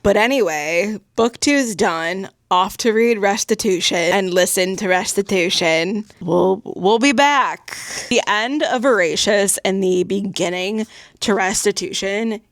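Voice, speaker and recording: A woman's voice: mid-range voice, measured pace, no echo, studio quality. A woman and mother vlogging casual reactions to her reading, talking emphatically and exclaiming straight to her viewers. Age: adult mother. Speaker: book vlogger.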